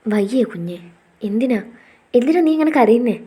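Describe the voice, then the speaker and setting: A woman voicing a caring young husband who speaks softly and coaxingly. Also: fairly high pitch, expressive, moderate pace, husky. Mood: worried. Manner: soft, coaxing.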